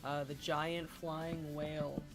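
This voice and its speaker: While playing a building game, a live streamer chats casually in a mid-range voice, with a flat delivery and a slow pace. He sounds congested and hesitant, with many ums and restarts, and often clears his throat. Game music plays in the background.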